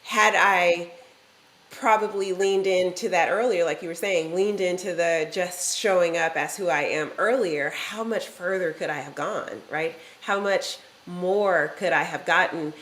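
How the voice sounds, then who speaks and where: A woman's voice: on the low side, unhurried, a bit bright. A woman hosting a casual business talk show, chatty and playful as she keeps the conversation moving. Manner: chatty, self-deprecating, playful. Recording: roomy echo.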